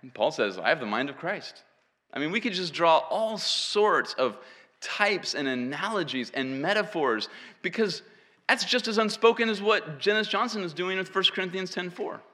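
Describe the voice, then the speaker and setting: A man's voice: sits high, lively intonation, moderate pace, pushed and bright. A man preaching an expository sermon to a congregation, emphatic and given to self-deprecating asides. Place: church hall with an audience. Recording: long hall reverb.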